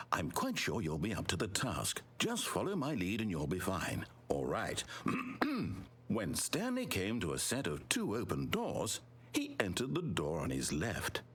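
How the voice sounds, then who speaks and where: A man's voice: wildly swooping pitch, a little slow, a bit bright, a little hiss or hum, exaggerated voice. An actor playing a controlling male video game narrator, proud of his story, with precise, theatrical delivery. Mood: guiding. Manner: precise, theatrical delivery with wild swings in pitch. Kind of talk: scripted video game voice acting.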